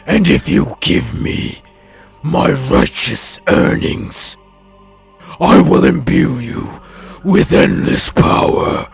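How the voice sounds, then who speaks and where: A man voicing a huge, wrathful, hungry god in a tabletop game, with a deep, raspy, booming, grandiose bellow. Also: big pitch swings, slow, soft background music, full character voice. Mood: wrathful, demanding. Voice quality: deep, gravelly, raspy roar. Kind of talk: tabletop game role-play.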